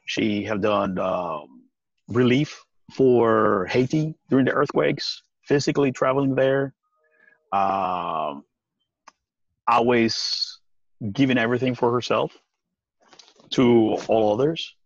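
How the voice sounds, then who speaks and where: A Puerto Rican man in his forties, appearing as a guest in a casual video-call interview, speaks earnestly from a deck outdoors by some trees. His medium-pitched voice has vocal fry, and he restarts haltingly and laughs often. The webcam audio is dry, dull, and lo-fi.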